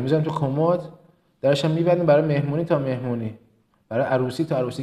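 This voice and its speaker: Speaking in a mellow, medium-pitched voice, this man from Kerman, Iran, teaches a motivational business lesson as a trainer. A slight Kermani Persian accent colors his emphatic delivery, full of repeated words for stress and rapid-fire lists.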